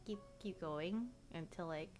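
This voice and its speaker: A young woman whose first language is Korean chats casually with viewers on a livestream, in a lowish, darkish, unhurried voice with soft music behind her. She rambles, says "like" a lot and laughs often.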